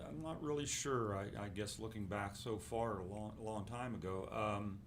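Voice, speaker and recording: An older man from Ohio, a basketball coach answering interview questions in a halting way, with many fillers and restarts. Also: on the low side, a little hiss or hum. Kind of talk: casual interview.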